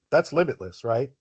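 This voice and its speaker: A man with a relaxed, mellow voice is on a video call, explaining a project to colleagues. He talks in a measured way with halting pauses, like the person leading the meeting. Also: a little high, breathy edge, muffled recording. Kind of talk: explaining in an online work meeting.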